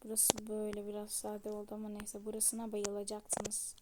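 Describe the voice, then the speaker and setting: A tired woman narrating her game casually to viewers, in soft, half-whispered asides. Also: medium pitch, monotone, normal speed, noisy background. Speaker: channel host.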